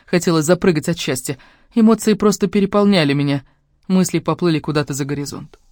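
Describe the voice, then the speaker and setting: Expressive woman reading a romance novel. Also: low voice, fast talker, no room sound, studio quality. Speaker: audiobook reader. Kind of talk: first-person novel narration.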